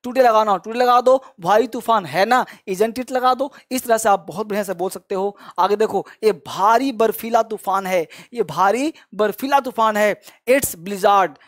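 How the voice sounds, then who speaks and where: A man teaching a spoken English lesson, repeating example sentences slowly and adding encouraging, chatty asides to the learners. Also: high voice, a bit bright. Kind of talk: online language lesson.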